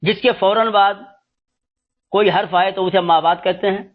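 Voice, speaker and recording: High-pitched man teaching, dull lo-fi sound. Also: fairly even intonation. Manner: slow, explanatory, spells out letters one by one. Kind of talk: spoken lesson on script and pronunciation.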